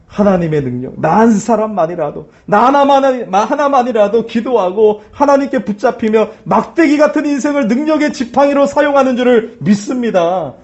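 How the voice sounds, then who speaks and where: A man's voice: very high voice, darkish tone, muffled recording. A male pastor preaching a sermon in a church, speaking emphatically and addressing the congregation directly. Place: church sanctuary.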